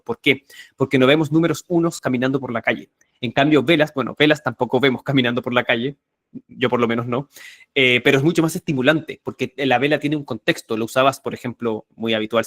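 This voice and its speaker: Male instructor, live online class, energetic and emphatic, dry close sound, mid-pitched voice. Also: no room sound. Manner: energetic, emphatic, repeats key words. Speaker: memory workshop instructor.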